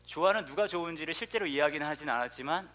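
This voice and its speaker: Lively, bright-voiced male pastor preaching. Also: fairly high pitch, very fast, faint music behind. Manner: animated storytelling, drops to soft near-whisper for earnest points. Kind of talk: sermon. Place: church sanctuary.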